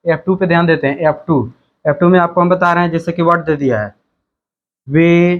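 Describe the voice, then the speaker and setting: A male teacher with a slightly high voice explains a textbook lesson slowly, repeating himself and reading words out one at a time. The recording has its highs cut off.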